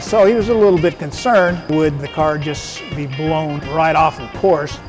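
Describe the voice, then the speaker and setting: A man's voice: on the high side, poor audio. A man giving an informal, explanatory promotional narration as a car expert. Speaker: car expert presenting a restored muscle car. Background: music behind the voice.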